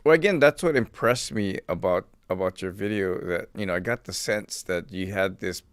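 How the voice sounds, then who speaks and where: Low-voiced male talk show host. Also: normal speed, clear, resonant tone, dry recording, studio quality. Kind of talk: live talk show interview.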